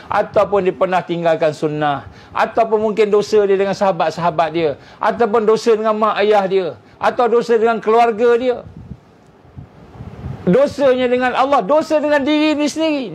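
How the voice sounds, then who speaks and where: A man preaching with a Malaysian Malay accent, swinging between high emphatic peaks and low, soft, slowly chanted recitation. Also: slight background noise. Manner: slow chanted Quranic recitation. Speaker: religious teacher. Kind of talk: sermon.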